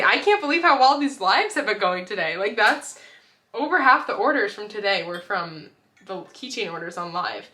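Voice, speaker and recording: A young woman with a New England accent, chatting excitedly to camera about her small business day, her voice going hoarse from talking. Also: medium pitch. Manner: excited, chatty, rattling off numbers. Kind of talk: casual vlog talk to camera.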